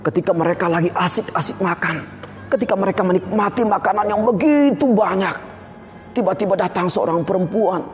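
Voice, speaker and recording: A man's voice: sits high, brisk, soft background music. A man teaching Sunday school, telling a Bible story to children and speaking to them directly. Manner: animated, addresses the children directly. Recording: long hall reverb.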